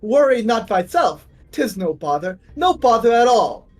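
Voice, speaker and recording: 女声扮演夸张豪迈、咬文嚼字的热血女骑士. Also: female voice, on the high side, very animated, measured pace, a little mellow. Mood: grand, jovial. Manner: theatrical, grandiose archaic speech. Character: pompous, gallant young woman knight, exuberant and earnest. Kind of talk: dramatic live read of game dialogue. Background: faint music.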